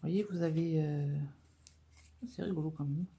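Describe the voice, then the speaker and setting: A woman's voice: deep voice, fairly even intonation, normal speed, mellow, slightly rough. A woman vlogger chatting casually to camera as she unpacks a craft-supply haul, upbeat and full of little fillers. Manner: chatty and enthusiastic, with many fillers.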